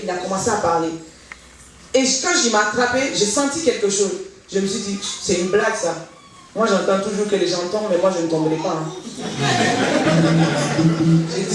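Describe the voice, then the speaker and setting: A woman in a church hall telling her testimony, acting out each person's words as she goes. Her voice sits at a middle pitch and is picked up from a distance. It rings with heavy reverb, over faint background noise. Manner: lively storytelling, acting out reported dialogue. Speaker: church member giving testimony.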